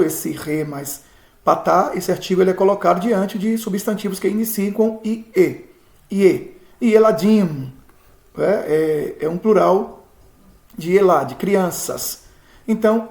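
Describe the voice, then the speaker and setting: A man, a pastor teaching Biblical Hebrew in a recorded lesson, patient, repeating words slowly and checking in often with his students. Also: sits high, darkish tone. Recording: echoey room.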